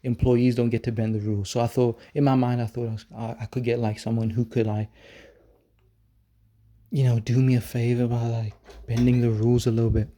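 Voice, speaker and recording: A man recounting a story to his viewers in a loose, rambling way. His voice is mellow and dark, with a flat, even pitch. He stumbles over repeated words and swears offhandedly. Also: a little fast. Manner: irreverent, swears casually. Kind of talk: casual storytelling vlog.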